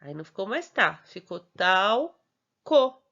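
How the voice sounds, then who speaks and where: A woman teacher with a Brazilian Portuguese accent explains a worksheet at a patient, deliberate pace. Her voice sits in a middle pitch, and she slows right down to stretch out syllables. The recording is dull and lo-fi. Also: expressive, gravelly, a bit bright. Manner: patient, spells out syllables slowly, frequent checking tags.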